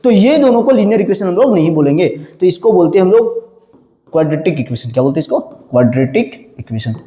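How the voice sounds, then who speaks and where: A man's voice: high-pitched, animated, fast talker, dark tone. A male maths teacher giving a classroom lecture, repeatedly asking questions and answering them himself, calling his viewers children. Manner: addresses viewers as children and brother. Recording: echoey room with long reverb.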